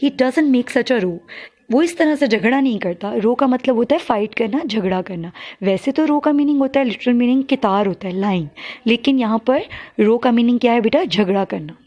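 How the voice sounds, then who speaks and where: A woman's voice: a little high, brisk, darkish tone, muffled recording. A woman from Pakistan teaching an English lesson, explaining each word patiently and calling pupils "beta". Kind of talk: recorded classroom lecture.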